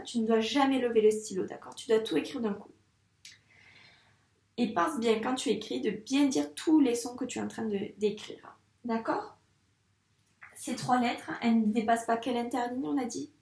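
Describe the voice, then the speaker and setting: A young woman, a primary school teacher, teaches handwriting to young children in a fairly high, darkish voice at a normal speed. She is patient, posing questions and then answering them herself. The room is echoey.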